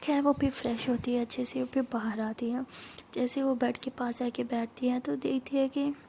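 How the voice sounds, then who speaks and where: A woman narrates a story in a soft, breathy, half-whispered way. Her voice sits a little high but stays flat in its melody, with a gravelly edge and a dark, mellow tone. Faint noise hums behind her. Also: normal speed. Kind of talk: casual storytelling narration in Hindi.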